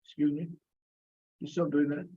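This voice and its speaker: A man's voice: a little high, flat delivery, normal speed, dark tone, breathy edge, highs cut off. A man teaching an online French class, patiently coaxing students for answers, with many fillers and coughs. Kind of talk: live online class lecture.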